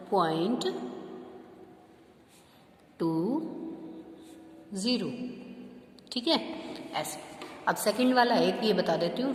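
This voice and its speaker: A woman's voice: medium pitch, echoey room, big-room sound, slight background noise. A woman maths teacher explaining step by step to young students, patient and asking them questions as she goes. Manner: checks understanding with rhetorical questions. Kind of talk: classroom lesson explaining to students.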